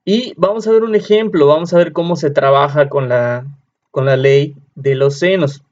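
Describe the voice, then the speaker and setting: A man's voice: a little high, normal speed, darkish tone. A man, teaching a math lesson patiently, often repeating and correcting himself. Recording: dull lo-fi sound.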